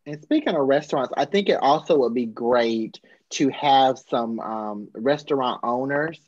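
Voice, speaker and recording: A man teacher in a book club discussion, telling stories in an animated way. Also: mid-range voice, unhurried, dry recording, highs cut off. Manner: animated storyteller.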